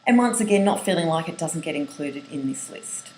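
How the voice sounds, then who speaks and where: A woman's voice: deep voice, animated, fairly quick, mellow. A middle-aged woman, a writing coach, giving a webinar lesson in an earnest manner, listing points and sometimes restarting phrases. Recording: roomy echo, faint hiss.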